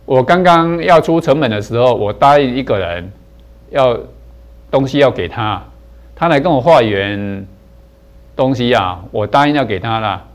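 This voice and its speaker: A man's voice: medium pitch, expressive, normal speed, natural voice. A man doing an earnest pleading captive king.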